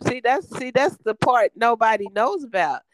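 A middle-aged woman telling her life story in conversation, emphatic and lively, acting out the voices of others. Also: on the high side, moderate pace, no room sound, low-quality recording.

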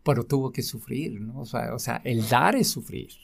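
A man's voice: medium pitch, moderate pace, creaky. A man with a Mexican accent, talking casually and earnestly about his faith, rambling with many fillers and tag questions. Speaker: guest sharing his faith.

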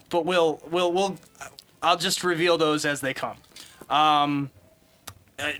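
A man hosting a casual podcast, talking haltingly with many fillers and restarts and laughing often. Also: fairly high pitch, bright, forceful tone. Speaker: podcast host.

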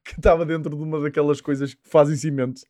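A man's voice: a little high, little pitch movement, fast talker, warm tone. A young man in casual podcast chat, joking and asking questions. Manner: joking, inquisitive. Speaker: podcast co-host.

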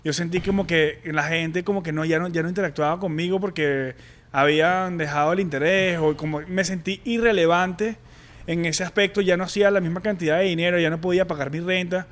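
A young man with a Venezuelan accent candidly telling a personal story on a podcast, halting and full of slang. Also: high voice, fairly even intonation, a bit bright. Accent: Venezuelan Spanish. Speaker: podcast co-host.

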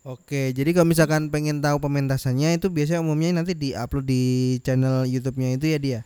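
A man's voice: on the high side, fairly even intonation, quick pace, dark tone, clear, resonant tone, dry recording, studio quality. A man hosting a casual podcast chat, teasing his guest and laughing a lot. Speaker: podcast host, radio announcer.

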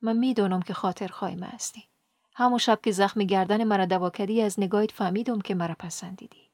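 A woman's voice: mid-range voice, steady tone, a little mellow, no room sound, studio quality, lightly acted. A woman reading a despairing young woman, pleading.

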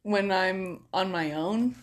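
A young woman co-hosting a casual podcast, laid-back and self-deprecating, often trailing off quietly. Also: medium pitch, slow. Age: young adult. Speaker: podcast co-host. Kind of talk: casual chat.

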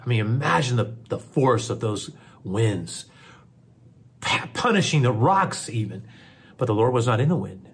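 A man preaching a sermon. He swings from forceful emphasis to a soft, almost whispered hush, and he repeats his phrases. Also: medium pitch, animated, measured pace, husky. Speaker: pastor.

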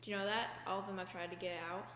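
A young woman co-hosts a casual podcast, chatting in a rambling way and filling her sentences with "like". Her voice sits at an ordinary pitch. It rings out in a reverberant room with a long echo and a faint hum. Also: little pitch movement, very fast, fairly bright tone. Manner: chatty, many fillers, rambling retellings. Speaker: podcast co-host. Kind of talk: casual chat.

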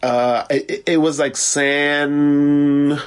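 A man's voice: on the high side, steady tone, slow pace, darkish tone, slight background noise. A man from Florida chatting casually and telling anecdotes, slangy and loose with swearing, often restating his point. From Florida, United States. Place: remote call from New York City.

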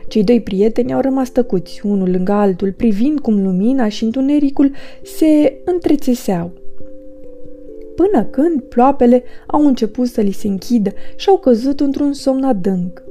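A woman reads a children's bedtime story aloud, gentle and soothing. Her voice sits a little high but sounds very dark and mellow, with faint music playing behind her.

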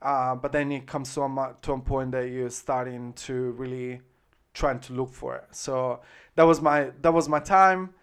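Speaking with an Italian accent, a man in his thirties from Italy gives a casual interview in Australia. His voice is mid-range and clean, with fairly even intonation at normal speed, and his delivery rambles with heavy "like" and "um" use and frequent restarts.

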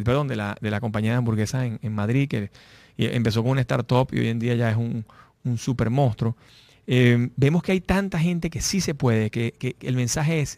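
A man's voice: mid-range voice, no room sound. Talkative Venezuelan man, very dry sound. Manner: animated, repeats and restarts words, drops voice often. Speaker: guest. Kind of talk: casual interview chat. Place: lives in Madrid.

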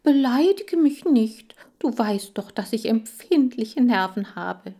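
A woman's voice: a little high, expressive, slow pace, warm tone, voice pushed up, exaggerated voice. Woman doing a nasal, whiny hamster. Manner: whiny and snippy. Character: touchy, nervous male hamster.

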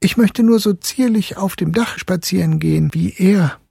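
A man voicing a lively, bold young boy who talks in an excited, boastful way. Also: sits high, normal speed, creaky, slightly rough, no echo, clean studio sound, pitched above the performer's own voice, heavily acted. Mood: eager.

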